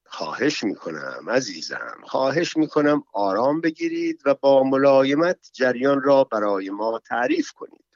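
A man reading the lines of a calm gentleman who speaks gently and placatingly. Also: medium pitch, dry recording. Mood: soothing. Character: calm, soothing older male gentleman. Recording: dull, dry, slightly muffled sound.

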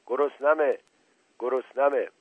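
A man's voice: lowish voice, steady tone, husky, dry recording. A man doing a starving beastly villager bellowing. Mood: bellowing hungry. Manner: bellowing the same cry. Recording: tinny phone-like dry recording.

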